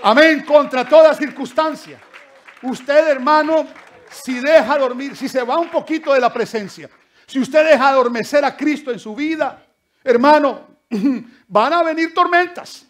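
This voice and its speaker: High-pitched preacher guy in church, loud then soft, keeps calling everyone brother. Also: a little slow, some chatter behind. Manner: swings from loud exclamations to soft asides; keeps addressing listeners as brother. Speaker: pastor. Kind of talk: sermon.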